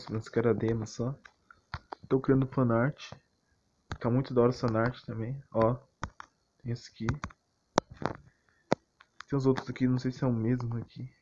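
With a mid-range voice and a Brazilian accent, a man who makes gaming videos on YouTube comments casually and spontaneously on fan game images and videos. He rambles, leans on slang, and repeats himself, recorded on a phone whose audio is muffled, noisy, and clicky.

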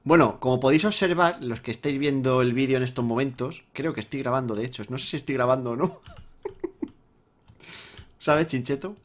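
A man's voice: mid-range voice, normal speed. A young man with a Spanish accent hosting a casual gaming session, teasing his friend and repeating himself insistently. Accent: Spain Spanish. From Spain. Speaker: gaming channel host. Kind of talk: casual let's-play banter.

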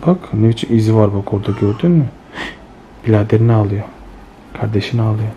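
A woman's voice: rumbling low, quick pace, highs cut off, a little hiss or hum. A woman filming her children at home on a phone and chatting playfully to her viewers. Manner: animated, playful, teasing the child, addressing viewers as friends. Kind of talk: casual family vlog narration to viewers. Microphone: handheld phone camera.

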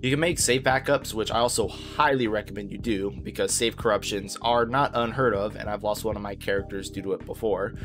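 A man's voice: fairly low pitch, steady tone, a little fast, hardly any pauses, fairly bright tone, faint music behind. A man narrating a casual video game guide as host, informal, easygoing and reassuring in how he talks.

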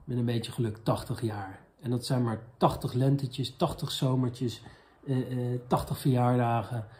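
A man's voice: medium pitch, steady tone, moderate pace, a little mellow. A man hosting a comedic question-and-answer talk, casual and rambling with many fillers, in a mock-spiritual tone. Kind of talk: casual deadpan parody monologue.

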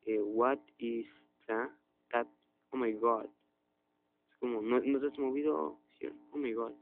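A young man chatters through a video game, his voice shooting up into loud, high yelps of surprise. His pitch sits in the middle for a man. The audio is tinny and narrow, like a phone line. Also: slow pace, vocal fry, slight background noise. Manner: excitable, jumps to loud high outbursts. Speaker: gaming youtuber. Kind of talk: let's play commentary.

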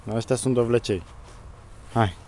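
A man filming a casual walk outdoors with his small child, softly coaxing and calling to a shy dog. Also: mid-range voice, a little hiss or hum. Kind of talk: casual vlog talk.

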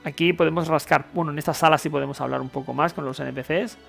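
A man with a Castilian Spanish accent commentates a game in a colloquial, informal way, thinking aloud as he goes. His voice sits a little high with plenty of fry, and game music plays faintly behind it. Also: steady tone, fast talker. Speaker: video game player and commentator. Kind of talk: casual gameplay commentary.

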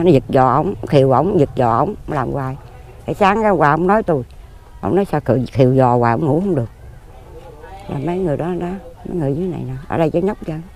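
A woman's voice: sits low, darkish tone. A woman in her fifties with a Southern Vietnamese accent, talking plainly and at length as an interviewee. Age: 50s. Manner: plain-spoken, rambling and earnest. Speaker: interviewee, lottery ticket seller. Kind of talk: casual interview. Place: outdoors among graves.

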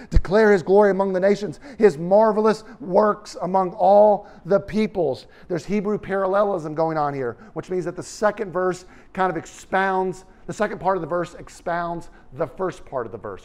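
Animated middle-aged male preacher. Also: high-pitched, normal speed, few pauses. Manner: animated, gesturing, swings from loud emphasis to quiet asides. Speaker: pastor. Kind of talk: sermon. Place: church hall with stage.

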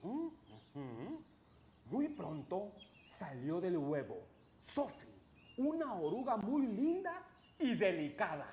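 A man's voice: high-pitched, huge pitch swings, takes it slowly, darkish tone, roomy sound, a little hiss or hum, exaggerated voice. A middle-aged man playing a cheerful, childlike clown host of a kids show, speaking in an exaggerated, wide-eyed, theatrical way. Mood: storytelling. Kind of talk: kids show host, animated story reading.

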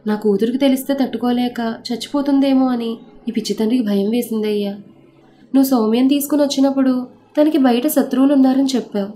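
A woman voicing a guilty middle-aged father-in-law who defends himself and pleads, in a mellow, fairly high voice. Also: quick pace, lightly acted. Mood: pleading.

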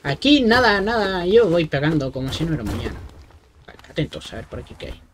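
A man's voice: fairly high pitch, big pitch swings, fast talker, a little hiss or hum. A man doing casual let's-play commentary like a scared horror game streamer, jumpy and swearing freely. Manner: foul-mouthed. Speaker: gaming streamer.

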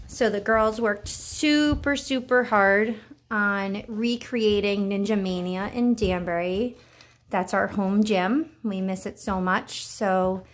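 A woman in her thirties, a parent casually narrating a cheerful tour of something her kids built, filmed at home on a handheld camera. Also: medium pitch. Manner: unhurried, cheerful tour-guide talk. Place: living room at home.

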